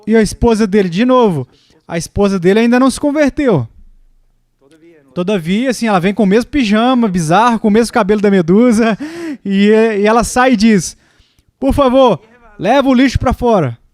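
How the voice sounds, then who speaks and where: A man delivers a sermon in a high, light voice, telling stories to make his point. The sound is dry and close, with no echo around him. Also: fairly quick, darkish tone. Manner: storytelling with acted quotes, rising pitch in the quoted lines. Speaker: preacher.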